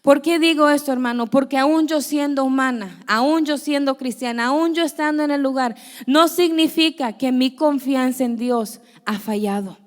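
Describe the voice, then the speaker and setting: A woman's voice: high-pitched, normal speed, few pauses, long reverb tail. A young woman preacher giving an earnest testimony sermon, telling her story and acting out conversations. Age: young adult. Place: church.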